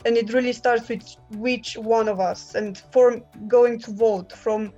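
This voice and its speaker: A young woman from Romania speaks English with her Romanian accent, her voice sitting a little high. She talks earnestly, with frequent fillers and restarts. The slightly muffled recording carries faint music behind her. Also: steady tone, measured pace, dark tone. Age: 20s. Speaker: master's student. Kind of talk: casual personal testimony.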